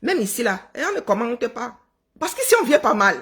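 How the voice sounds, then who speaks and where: A woman's voice: on the high side, very animated, moderate pace. A woman from Cameroon giving a sarcastic, scolding live-stream monologue to her viewers. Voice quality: self-described unpleasant voice. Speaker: social media commentator.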